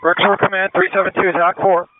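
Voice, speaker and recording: A man's voice: high-pitched, little pitch movement, a little fast. A man, a responding firefighter, making businesslike, procedural reports over the radio. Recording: muffled, noisy radio with clicks.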